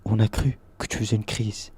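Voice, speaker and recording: A man's voice: on the low side, level tone, normal speed, warm tone, breathy edge. A man voicing a nervous, shaken young male friend in a spoken horror story. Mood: agitated. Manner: nervous, agitated.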